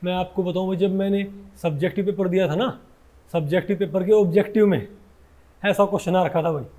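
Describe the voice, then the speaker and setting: High-voiced lecturing man, quizzing students. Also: fairly even intonation, fairly quick, dark tone. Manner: keeps asking students questions, often says "bhai"; corrects himself mid-sentence. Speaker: chemistry teacher. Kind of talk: Hindi classroom lecture.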